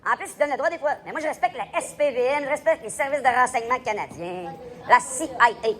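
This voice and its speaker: A man with a Québécois accent, livestreaming a loud, provocative, rambling monologue in a public place and switching between French and English. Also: extremely high pitch, lively intonation, fast talker, slight background noise. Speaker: live vlogger.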